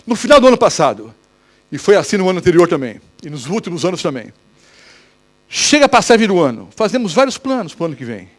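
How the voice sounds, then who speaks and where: A male pastor with a Brazilian Portuguese accent preaching a sermon in church, animated and quizzing the congregation with questions. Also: high-pitched, quick pace.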